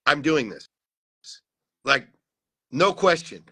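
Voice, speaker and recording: A man's voice: on the high side, very animated, takes it slowly, sharp tone, slight background noise. A man in casual podcast chat, talking intensely and swearing heavily for emphasis. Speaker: podcast co-host.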